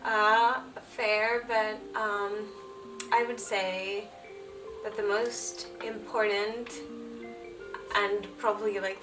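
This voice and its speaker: A young illustrator vlogger whose first language is Finnish answers viewer questions in a casual Q&A, chatting and laughing lightly. Her medium-pitched voice sits far from the mic in poor audio, with music underneath.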